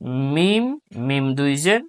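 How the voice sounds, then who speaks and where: A man teaching tajweed recitation, spelling out letters syllable by syllable and then reciting each word slowly and drawn out, with quick low-key explanations in between. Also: very animated.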